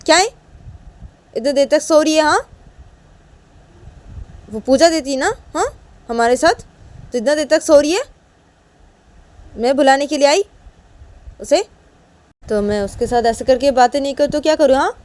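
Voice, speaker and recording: A woman voicing a short-tempered mother who scolds with repeated sharp "haan?" tags. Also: sits high, a little slow, few pauses, pitched above the performer's own voice. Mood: scolding. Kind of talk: storytelling with acted dialogue.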